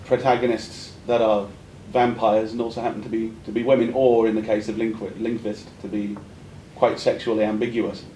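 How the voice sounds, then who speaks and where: Speaking in a dark, level tone at a fairly quick pace, an audience member puts an academic question to a conference. His delivery is courteous, tentative and roundabout, and the echoey room has faint rumbling noise.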